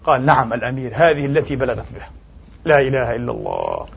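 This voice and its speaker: A man's voice: medium pitch, huge pitch swings, fast, vocal fry, slightly rough, muffled recording. A male preacher giving a Friday sermon, emphatic and swinging his voice up and down, addressing the congregation as brothers and sisters. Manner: emphatic preaching, rising and falling sharply.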